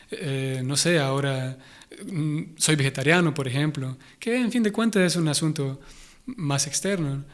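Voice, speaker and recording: A young man with a Honduran Spanish accent, a guest in an interview, speaking thoughtfully and often restarting as he searches for words. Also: a little high. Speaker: interview guest, Hare Krishna devotee. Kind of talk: conversational interview.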